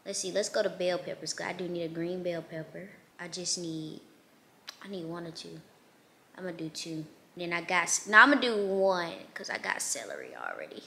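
A woman's voice: on the low side, slight background noise. A young woman, chatting casually to viewers from her living room about her day, errands and workouts. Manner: chatty, animated, addresses viewers as y'all. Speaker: lifestyle vlogger. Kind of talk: casual vlog chat to camera. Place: bright open-plan living room, indoors.

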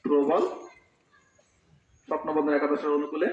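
A man giving live, excitable football commentary that can burst into shouts. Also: a little high, normal speed. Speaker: football commentator at a local tournament. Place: outdoor football ground. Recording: dull, echoey PA-like sound, crowd behind.

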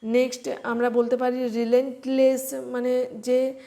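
A woman teacher leads an online vocabulary lesson in a fairly high voice that stays flat. She talks slowly, spells words out letter by letter and fills her pauses with a soft "ah".

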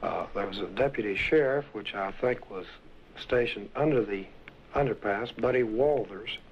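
A man recounting what he witnessed in a plain, halting, folksy way, on a 1960s vinyl record. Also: on the low side. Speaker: eyewitness. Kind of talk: recounting an event in interview. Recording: dull, noisy vintage 1960s vinyl record.

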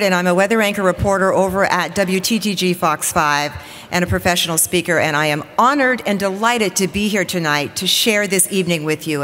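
The speaker is a TV weather reporter in her forties, welcoming a large-hall audience from a lectern on stage with upbeat formality and rallying energy. Her medium-pitched voice is a bit bright, with slight background noise, and the lectern microphone catches long hall reverb.

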